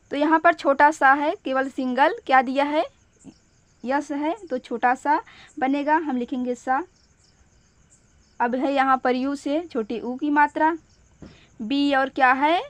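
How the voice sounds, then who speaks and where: Female teacher, high pitch, unhurried step-by-step delivery, patient and repetitive. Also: dry recording. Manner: patient, repeats each step slowly. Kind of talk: step-by-step spelling lesson.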